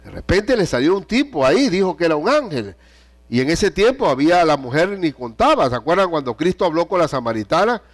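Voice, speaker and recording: A man preaching a sermon, reading scripture aloud in an animated, questioning manner. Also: fairly high pitch, a little fast.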